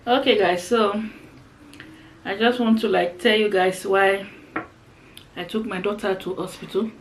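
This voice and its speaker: A middle-aged woman talks casually to her viewers as she has a meal on camera. Her voice sits at an ordinary pitch, and she explains things conversationally, circling back over phrases. There is noticeable noise behind her. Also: steady tone, unhurried, rough recording. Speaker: mukbang vlogger. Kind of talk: casual chat to viewers while eating. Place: indoors, seated on the floor.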